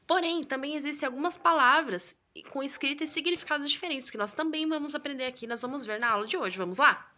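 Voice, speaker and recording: Bright-voiced Brazilian woman teaching. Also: high-pitched, fast. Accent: Brazilian Portuguese. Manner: didactic, keeps addressing viewers with tag questions. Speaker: English teacher. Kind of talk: online video lesson.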